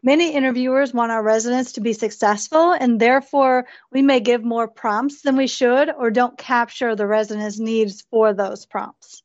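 Female host for a training podcast, fairly high voice, formal scripted delivery, lo-fi recording. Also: steady tone, moderate pace, few pauses, no echo. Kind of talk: scripted educational podcast interview. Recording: dull, lo-fi podcast audio.

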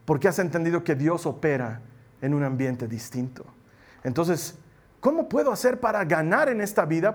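A man preaching a conversational sermon, telling humorous personal stories and slowing down to stress key points. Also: high voice. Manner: humorous, storytelling, slows for emphasis.

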